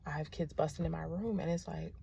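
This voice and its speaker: A young woman teacher, giving a candid vlog update straight to her viewers, often soft and subdued. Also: low voice, fairly even intonation, brisk, vocal fry, slight background noise.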